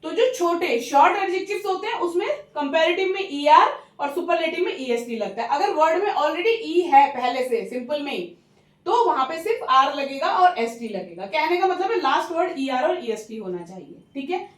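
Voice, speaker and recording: An English grammar teacher with a high, light voice and an Indian accent patiently takes the listener through each rule step by step, with lively intonation. She checks in often and slows right down on example words. The recording sounds roomy, with the mic placed some distance away.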